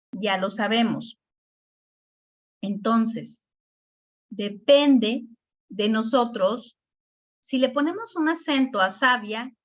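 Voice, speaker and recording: A woman teacher giving an online grammar lesson, patiently breaking words into syllables and checking in with her students. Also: on the high side. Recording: dull lo-fi sound.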